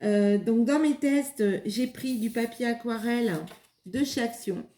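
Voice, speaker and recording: A craft video host with a slightly high, dark-toned voice takes her time as she demonstrates and tests materials. Her talk is casual and hesitant, packed with fillers and restarts, and the room is echoey.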